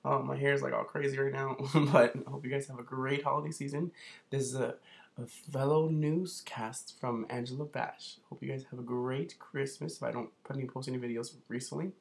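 A man's voice: mid-range voice, fairly even intonation, a little fast, creaky. A young man vlogging casually to camera as a film reviewer, rambling and joking with a self-promoting streak.

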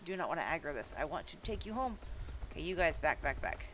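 A woman's voice: low voice, very animated, fast, fairly bright tone, slight background noise, poor audio. A woman casually commenting as she plays a game, chatting, and scolding and coaxing her in-game animals. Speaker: gameplay streamer. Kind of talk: casual let's-play commentary.

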